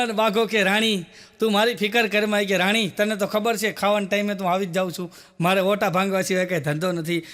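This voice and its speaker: High bright-voiced comedian. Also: male voice. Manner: storytelling with quoted dialogue, repeats "ke, ke". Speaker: stand-up comedian. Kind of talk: Gujarati joke telling.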